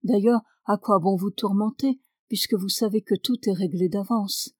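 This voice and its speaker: A woman reading the part of a calm, wise nobleman who speaks softly and gently. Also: mid-range voice, moderate pace, no room sound, natural voice. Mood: gentle. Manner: soft, gentle delivery.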